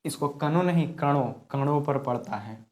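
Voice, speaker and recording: A man's voice: fairly high pitch, normal speed, darkish tone, a little hiss or hum. Male physics teacher at a board, patient step-by-step explainer who repeats key terms, voice fades as he turns to write. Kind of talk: classroom lesson at a board.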